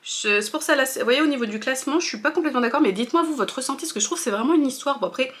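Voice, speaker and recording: A woman's voice: high-pitched, lively intonation, rapid-fire, a bit bright. A French woman talking casually to her viewers as a fashion vlogger, chatty and hesitant with many fillers and restarts. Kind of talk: casual opinion chat to viewers.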